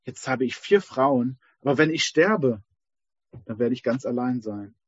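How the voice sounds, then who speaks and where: A man voicing a dying rich old king who pleads with his wives, husky, on a dull, dry lo-fi recording. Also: medium pitch, lively intonation, measured pace, no echo. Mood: pleading.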